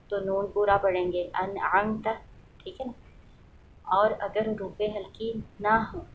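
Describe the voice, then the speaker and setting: A woman with a mid-range voice explains a lesson on the rules of Quran recitation. She patiently asks questions, then answers them, and recites examples aloud to show how they should sound. There is background noise.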